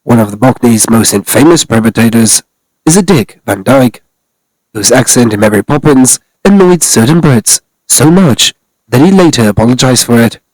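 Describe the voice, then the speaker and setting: A man's voice: medium pitch, animated, normal speed, a little mellow, no room sound, low-quality recording. A man narrating a scripted celebrity news commentary, reading steadily from articles.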